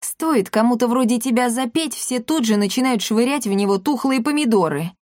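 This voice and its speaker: A woman's voice: on the high side, animated, normal speed, darkish tone, no echo, studio quality, pitched above the performer's own voice, close to an everyday voice. A woman voicing a grumpy, sarcastic male cat who grumbles snide remarks.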